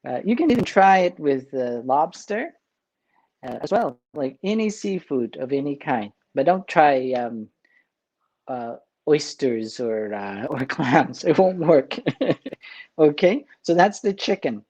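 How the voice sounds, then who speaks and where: Slow-talking priest. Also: male voice, on the high side, animated, darkish tone, poor audio. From Vietnam. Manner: unhurried, chuckling, many filler pauses. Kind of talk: casual cooking demonstration.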